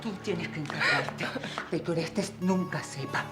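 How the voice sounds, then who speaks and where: A woman's voice: deep voice, unhurried, roomy sound, over music. A woman voicing a cruel, scheming mother-in-law who threatens and mocks in a fan telenovela dub. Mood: menacing. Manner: menacing, mocking.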